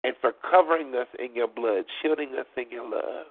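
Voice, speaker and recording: Through tinny, phone-like livestream audio, a man who serves as prophet and preacher leads fervent prayer and exhortation at a live church service. His voice is medium-pitched, brisk, and stuffed up from congestion. He prays in rhythmic repetitions and jokes chattily with the congregation between songs.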